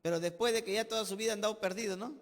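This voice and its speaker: A man with a Peruvian accent preaching a sermon as pastor, emphatic, with rhetorical questions and sudden loud bursts. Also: sits high, fairly even intonation, very fast. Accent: Peruvian Spanish. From Peru. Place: church sanctuary. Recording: long church reverb.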